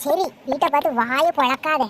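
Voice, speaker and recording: A woman voicing a blunt, scolding middle-aged village mother with a Kanyakumari Tamil accent in an animated serial. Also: sits high, a little fast, noisy background, natural voice.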